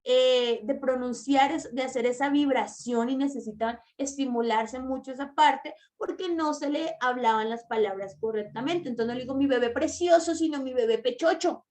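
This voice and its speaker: A woman's voice: sits high, moderate pace, hardly any pauses, darkish tone. A woman giving an online masterclass lecture to mothers, explaining patiently and stressing key words, addressing the listener directly. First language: Spanish. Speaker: early-childhood language teacher.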